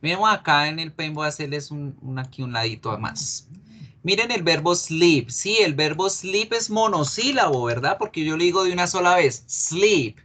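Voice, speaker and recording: A male English teacher giving a class, explaining patiently, repeating key words slowly and asking students questions. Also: on the high side, expressive, a bit bright.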